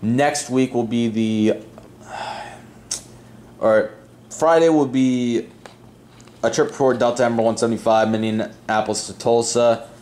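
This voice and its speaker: Speaking a little slowly and pausing often, the host of a model airport channel rambles through an unscripted vlog voice-over. His pitch is medium, his tone steady and somewhat dark, his manner casual and earnest.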